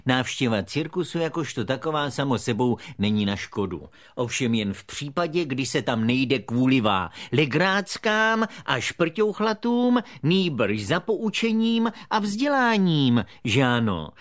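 Lecturing pompous puppet dad, voiced by a man, wide swooping pitch, dry recording. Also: very animated, hardly any pauses, no room sound, close to an everyday voice. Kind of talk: comic puppet theatre dialogue.

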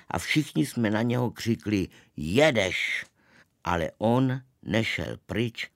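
Male narrator reading a story aloud, low voice with very lively intonation, expressive, dry close recording. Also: no room sound. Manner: expressive, swings between loud outbursts and soft asides.

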